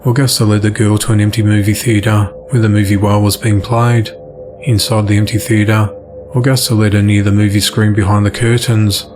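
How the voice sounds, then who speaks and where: A man reading crime news from a script in an even newsreader delivery. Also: on the low side, brisk, over music. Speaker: news reader.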